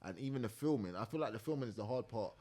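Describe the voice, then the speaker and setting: A man's voice: medium pitch, animated, racing, dark tone. A man with a South London accent in casual chat, emphatic and heavy on street slang. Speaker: podcast host.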